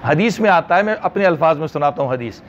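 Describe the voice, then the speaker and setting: A man's voice: on the high side, expressive, fast talker, slight background noise. A man with a Pakistani Urdu accent preaching a religious sermon, emphatic, repeating phrases and asking rhetorical questions. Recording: dull lo-fi recording.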